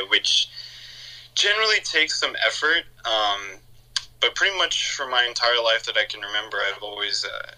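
A man who is a podcast guest, speaking in a relaxed, outgoing way with some hesitant fillers. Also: on the low side, rough recording. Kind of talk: conversational interview.

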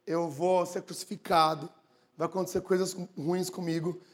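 A male preacher voicing a grown man who solemnly foretells his own death, speaking slowly and gravely. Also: high-pitched, flat delivery, pitched below the performer's own voice, lightly acted.

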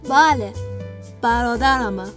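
A man voicing a young boy in a storybook reading, with a high boyish put-on voice. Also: lively intonation, fairly bright tone, soft background music. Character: young boy, embarrassed and evasive. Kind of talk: storybook voice acting.

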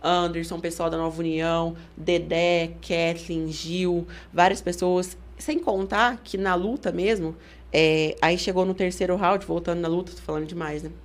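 A woman with a Brazilian Portuguese accent, a guest on a studio podcast, telling a story with energy and acting out the shouts of others. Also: lowish voice, steady tone, moderate pace. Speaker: guest fighter. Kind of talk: casual podcast interview.

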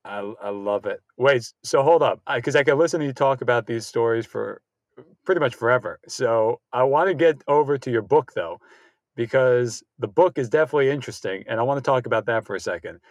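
A man's voice: medium pitch, fairly quick, dry recording. A man hosting an interview show, enthusiastic and full of fillers like "like" and "uh". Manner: enthusiastic, filler-heavy rambling. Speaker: podcast host. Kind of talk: casual chat.

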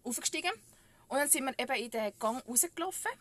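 A woman with a Swiss German accent, co-hosting a podcast and telling a story in casual chat, animated and often laughing. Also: high-pitched, fast. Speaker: podcast co-host.

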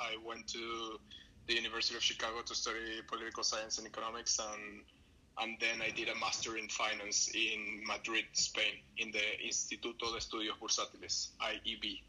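A young adult man from Venezuela, a podcast guest talking in a relaxed way with restarts. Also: fairly low pitch, a little fast, a little hiss or hum, rough recording. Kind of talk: casual interview talk.

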